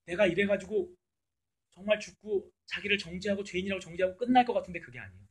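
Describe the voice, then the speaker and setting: A woman's voice: medium pitch, quick pace, husky. A woman preacher giving an impassioned church sermon, exhorting her congregation directly and dropping English words into her speech. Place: church service.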